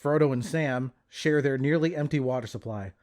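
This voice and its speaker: A man's voice: medium pitch, normal speed, darkish tone. A man co-hosting a podcast, recapping and discussing a film in a casual way. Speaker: podcast co-host.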